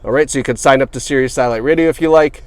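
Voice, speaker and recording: A man's voice: medium pitch, racing, darkish tone, no echo. Guy showing off a used car, upbeat, lots of uhs, dry close sound. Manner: upbeat, chatty, many fillers. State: has the hiccups. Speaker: car salesperson. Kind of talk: casual car walkaround video. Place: inside a car.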